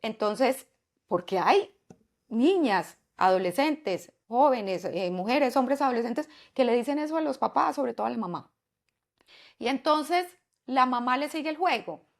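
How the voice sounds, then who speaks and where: A woman speaking, her voice sitting a bit higher than most. She talks as a psychologist guest on a conversational podcast, laying out her points and tossing in rhetorical questions to keep the listener with her. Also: expressive, a little slow. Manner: explanatory, asks frequent rhetorical questions. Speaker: psychologist and parenting expert guest.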